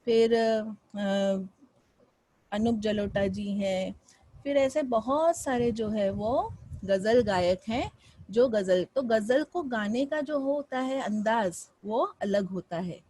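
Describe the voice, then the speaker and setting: Expressive Hindi teacher woman, dry sound. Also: fairly high pitch, slow pace, dry recording. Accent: Mumbai. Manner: expressive, rising and falling delivery with frequent questions to students. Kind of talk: classroom lesson.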